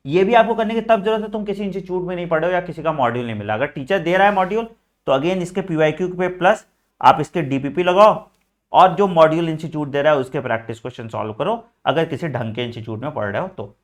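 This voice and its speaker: A man with a somewhat high voice gives students study advice in a casual lesson. He is direct and teacherly, checks in often to confirm they follow, and drops in English phrases. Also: quick pace. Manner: frequent "theek hai" check-ins, addresses students as beta. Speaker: exam coaching teacher.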